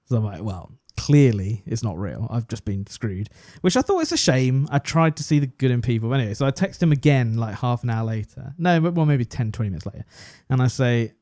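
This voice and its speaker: Young English man, podcast co-host, mellow dark tone, dry close mic, chatty storytelling. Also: mid-range voice, animated, a little fast, few pauses, no echo. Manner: chatty, self-deprecating, acts out both sides of a conversation. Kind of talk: casual storytelling.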